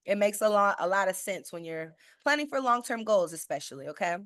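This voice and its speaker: A persuasive woman presents a sales-style webinar as a financial educator. She stresses her points and asks her listeners rhetorical questions, often tagging "okay?" onto her sentences. Her voice sits at an ordinary pitch and sounds dry and close, with no room echo. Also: animated, a little fast. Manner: checks in with listeners with a frequent "okay?".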